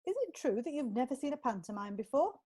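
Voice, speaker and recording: A woman playing a brisk, exasperated lawyer questioning a defendant in an amateur courtroom audio drama. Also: high-pitched, expressive, a little mellow, husky.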